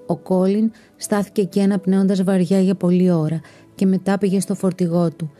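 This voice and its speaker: Female storyteller for scripted narration, dark mellow tone, steady delivery. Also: fairly low pitch. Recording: narration over soft background music.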